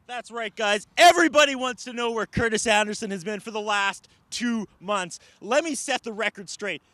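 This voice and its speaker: Forceful high-voiced man cutting a wrestling promo. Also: expressive, normal speed, dry recording. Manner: emphatic, indignant, rhetorical questions.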